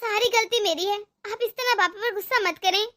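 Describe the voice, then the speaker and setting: A woman voicing a meek, self-blaming young widow in an animated family story, speaking softly and sorrowfully. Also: very high voice, brisk. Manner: soft, sorrowful, tearful. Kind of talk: animated cartoon voice acting.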